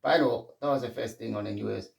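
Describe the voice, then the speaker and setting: A man's voice: mid-range voice, quick pace, creaky, distant mic. Man, from Zimbabwe, middle-aged, podcast host, candid reflective monologue, echoey room. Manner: candid and conversational, frequent restarts.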